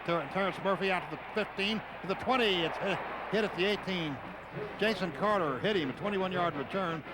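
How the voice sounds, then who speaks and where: High-voiced and a little fast, an American man calls football play-by-play live on the radio. His short, clipped phrases come through a noisy broadcast from an outdoor stadium.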